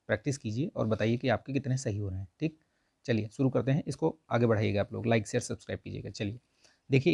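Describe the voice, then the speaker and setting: Husky, dark-voiced male Hindi teacher. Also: mid-range voice, no room sound. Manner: repeats "theek hai" constantly, coaxing and explanatory. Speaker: exam prep teacher. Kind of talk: online Hindi grammar lesson.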